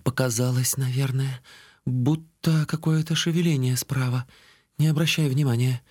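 A man reading the part of a wary, quick-tempered young woman in an audiobook, raising his pitch a little. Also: steady tone, darkish tone, no echo, studio quality, lightly acted. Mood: uneasy.

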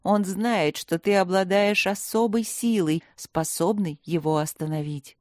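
A woman playing a calm, kindly old male elder wizard who talks in a melodic way. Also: fairly low pitch, measured pace, dry recording, clean studio sound, natural voice.

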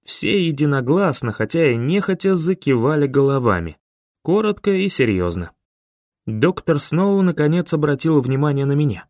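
A man narrating an audiobook in a steady, expressive reading style. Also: on the high side, normal speed, no room sound, studio quality. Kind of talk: scripted narration.

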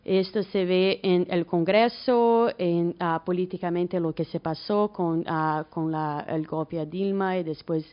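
A woman from Brazil with a Brazilian Portuguese accent, giving a conference talk in a halting mix of Spanish and Portuguese. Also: on the low side, steady tone, dull audio. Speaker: academic speaker, economist.

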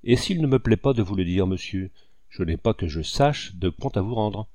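A man's voice: fairly low pitch, animated, moderate pace, darkish tone, no room sound, clean studio sound, natural voice. A man voicing a haughty male English agent who speaks stiffly.

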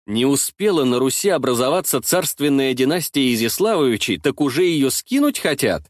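Recorded close in the studio with no room sound at all, a man reads a first-person historical audiobook at a moderate pace. He narrates expressively, with his mid-range voice rising and falling widely.

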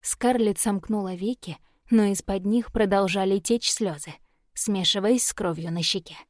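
A woman reading a fantasy novel aloud, steady and measured in her delivery. Her voice sits mid-range and sounds close and dry, with no room around it. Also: medium pitch, dry recording. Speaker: audiobook narrator. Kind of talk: scripted narration.

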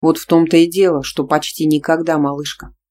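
A reader voicing a jealous, domineering young man who speaks loudly and sternly in a storybook reading. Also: mid-range voice, flat delivery, brisk, close to an everyday voice. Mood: calm, knowing. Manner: loud, stern, commanding.

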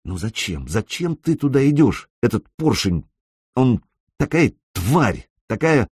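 An audiobook heroine, young and fiery, torn between fear and anger for the man she loves. Her voice rises high, swings widely and stays husky, a man putting her on. It is dry and close to the mic. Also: very animated, measured pace, darkish tone, dry recording. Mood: anxious. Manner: pleading, then scolding in a raised voice. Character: young woman, anxious, loving, fiery. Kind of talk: audiobook character voice.

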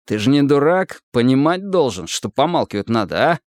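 A man's voice: mid-range voice, very animated, normal speed, dry recording, studio quality, close to an everyday voice. A man voicing a coarse, bullying male army sergeant who talks in threatening slang. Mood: menacing.

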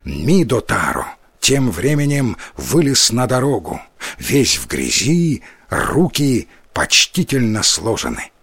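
A man narrating a folk tale in a measured, expressive storybook style. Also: medium pitch, husky, no echo.

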